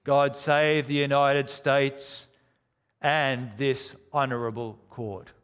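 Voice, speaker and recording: A man's voice: medium pitch, flat delivery, takes it slowly, fairly bright tone, clean tone. A man voicing a court marshal who makes a formal, ceremonial proclamation in the manner of a town crier. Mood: solemn, proclaiming. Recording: echoey hall with long reverb.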